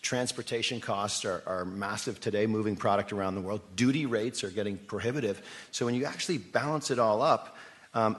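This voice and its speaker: Speaking in a lowish voice, an executive guest on live radio spins conversational stories with plenty of enthusiasm. He's persuasive and keeps asking listeners rhetorical questions.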